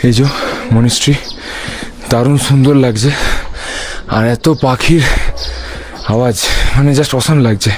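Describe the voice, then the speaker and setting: Outdoors at a hilltop monastery, a slightly breathless man casually tells the camera about his motorbike journey, dropping in English words. His medium-pitched voice is steady and a little mellow, and he takes his time with long pauses. Audio quality is poor.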